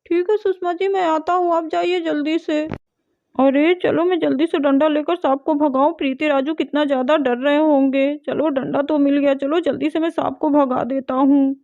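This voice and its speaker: A woman voicing a calm, protective father in a doll story, speaking firmly and reassuringly. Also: sits high, normal speed, no room sound, voice pushed down. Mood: steady, reassuring. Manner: reassuring, firm with the snake. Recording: dull dry home recording.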